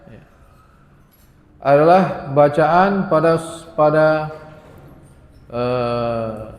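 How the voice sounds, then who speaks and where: A man with a slightly high, mellow voice teaches a religious lesson on Quran recitation in a prayer room, chanting Arabic verses and then explaining them. He often tags his sentences with "ya," and the prayer hall sounds echoey.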